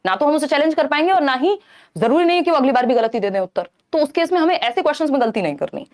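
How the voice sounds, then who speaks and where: A woman's voice: high voice, sing-song, rapid-fire. A woman teacher running a live online exam-prep class, explaining step by step, slipping in English terms and often checking that listeners are following.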